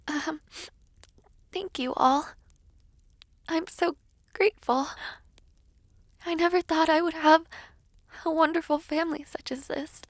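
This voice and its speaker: A woman voicing a frail young bride in an audio role-play, quivering and breathy with emotion. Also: high voice, fairly bright tone, no echo, pitched above the performer's own voice, exaggerated voice.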